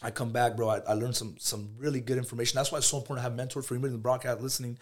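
A man in his thirties, a podcast guest, telling his story in a casual, animated way, full of slang and "bro". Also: mid-range voice, racing.

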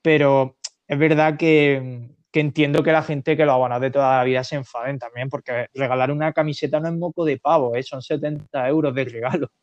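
A man co-hosting a casual football chat, telling relaxed anecdotes and acting out the people he quotes. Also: mid-range voice, brisk, dry recording, highs cut off. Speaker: podcast co-host.

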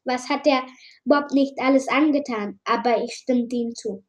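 A woman reads a first-person adventure tale aloud in a high voice at an unhurried pace. She stumbles and restarts now and then, keeping it informal. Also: lo-fi sound. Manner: slow, with slips and restarts. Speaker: storybook reader. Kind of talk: casual reading of fan fiction aloud.

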